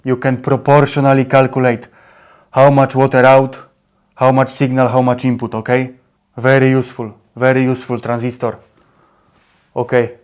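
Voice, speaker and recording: A man's voice: mid-range voice, monotone, moderate pace, clean tone. A man giving a simplified explainer in caveman-like broken English, with short blunt phrases and dropped little words. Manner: short clipped phrases, often checking with "okay?". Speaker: presenter explaining electronics.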